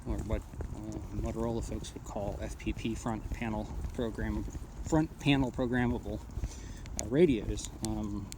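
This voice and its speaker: A man into amateur radio demonstrates and reviews his gear casually and without a script, rambling yet blunt and matter-of-fact. He speaks a little slowly with fairly even intonation in a voice on the low side, over a noisy background.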